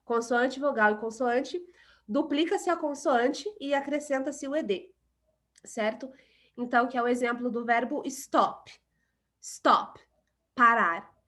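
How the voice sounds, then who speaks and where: Patient Brazilian woman teaching English. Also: sits high. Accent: Brazilian Portuguese. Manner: patient, repeats example words slowly. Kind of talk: online class explanation.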